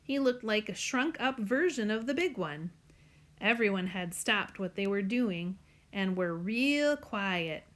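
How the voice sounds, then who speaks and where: A woman's voice: mid-range voice, a bit bright. A woman narrating a novel in the first person, in an earnest storytelling tone. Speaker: audiobook narrator.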